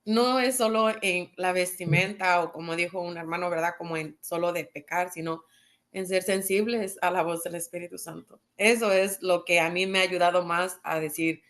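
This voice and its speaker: A woman's voice: fairly low pitch, steady tone, moderate pace, fairly bright tone. A woman, a church member, sharing a personal testimony earnestly and searching for words.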